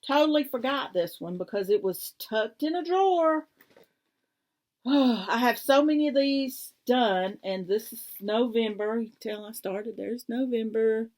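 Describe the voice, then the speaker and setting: A woman's voice: fairly high pitch, measured pace, a little mellow. A woman hosting a casual crafting vlog, rambling and easily sidetracked, with many fillers. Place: home craft room.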